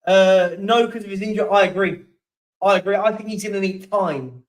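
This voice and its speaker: A young man with a high voice hosts a casual live-stream chat, talking briskly as he reads viewer comments aloud. He's chatty but keeps yawning and apologising for it. The mic sounds distant and the recording quality is low.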